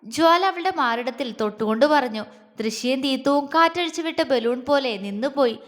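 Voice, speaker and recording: A woman's voice: high voice, lively intonation, moderate pace. A woman storyteller in scripted narration, reading expressively and acting out the characters. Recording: long reverb.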